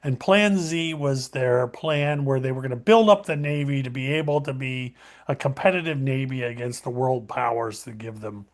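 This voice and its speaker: A man's voice: medium pitch, moderate pace. A man hosting a casual history talk, rambling with many fillers and self-corrections.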